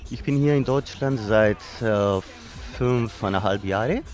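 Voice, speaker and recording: Speaking earnestly in simple, non-native German, a Chilean guest DJ whose first language is Spanish gives a casual interview outdoors by a lake. His voice is fairly low, slow, and darkish, with faint music in the background.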